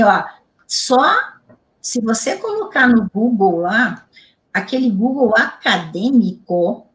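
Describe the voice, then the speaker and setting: Lively woman telling stories. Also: mid-range voice. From Rio Grande do Sul, Brazil. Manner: animated, emphatic storytelling with repetitions. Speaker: integrative therapist guest. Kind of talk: casual interview chat.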